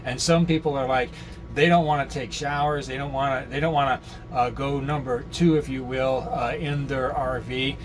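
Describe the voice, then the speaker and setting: A man hosting a casual how-to vlog from inside a small trailer, talking viewers through a repair in a folksy, halting way. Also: mid-range voice, steady tone, low-quality recording. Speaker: host of an RV living how-to vlog. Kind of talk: casual DIY tutorial. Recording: clear background noise, location sound.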